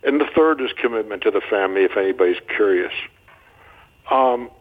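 A man's voice: fairly low pitch, fairly quick. An older man talking as a guest on a radio interview, folksy and joking as he tells stories. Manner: folksy, joking, animated storyteller. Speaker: guest marriage counselor. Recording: tinny phone-line sound.

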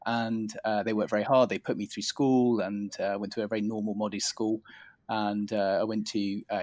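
A middle-aged man from near London, England, with a southern English accent and a fairly low voice, recounts his career in an interview. He is a cardiologist appearing as a guest, and he speaks politely, modestly and hesitantly. There is no room sound.

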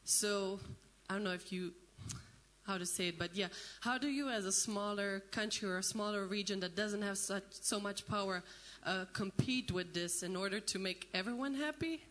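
A woman's voice: mid-range voice, normal speed, fairly bright tone. A woman from Croatia asking a panel a question from the audience, searching a little for her words.

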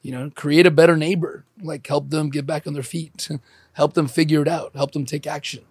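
A man's voice: on the high side, flat delivery, moderate pace, a little mellow, breathy edge, no echo. A man hosting a casual chat, loose and friendly, often tossing in "man" and "you know what I mean.". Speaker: podcast host.

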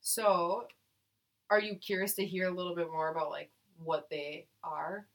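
A woman's voice: on the low side, level tone, normal speed. A woman co-hosting a podcast, casually reading results aloud with playful, profane jokes in between. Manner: playful, profane, jokey asides. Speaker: podcast co-host.

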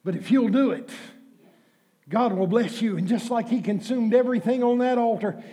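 A male pastor preaching a sermon with shouted, drawn-out emphasis and repeated refrains. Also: extremely high pitch. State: out of breath.

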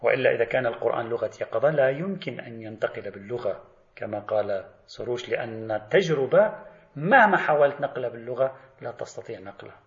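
A male lecturer, giving an animated spoken lesson on religious thought and acting out imagined questions to the theorist he discusses. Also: mid-range voice, fast talker. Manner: animated, voices imagined exchanges and asks rhetorical questions. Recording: echoey, slightly dull lecture recording.

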